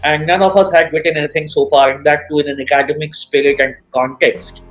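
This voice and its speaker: A man's voice: on the high side, steady tone, fast talker. Co-host: earnest man, muffled lo-fi recording, faint music behind. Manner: earnest, many fillers and restarts. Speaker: podcast co-host. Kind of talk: casual podcast chat.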